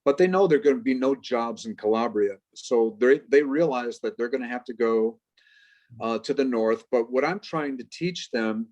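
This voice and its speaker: A man in his fifties from Chicago, a professor telling stories with quick jokes as a guest on a video-call interview. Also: medium pitch. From Chicago, United States. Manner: lively storyteller, quick asides and jokes.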